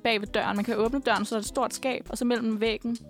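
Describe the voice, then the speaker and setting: A young woman telling a personal story in a casual chat, animated and full of fillers. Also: a little high, soft background music.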